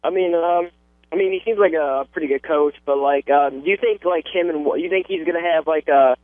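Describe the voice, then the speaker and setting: A man's voice: on the high side, brisk, no echo. A young man calling in to a radio show over the phone, hesitant and rambling with lots of "like" and "you know". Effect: call-in voice heard over a phone line. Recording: tinny phone line, dry.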